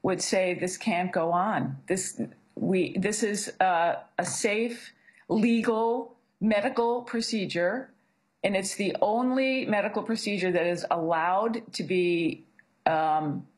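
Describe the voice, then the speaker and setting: Speaking slowly in a medium-pitched voice, a middle-aged physician assistant who provides abortions gives an earnest news interview. She often starts her sentences over.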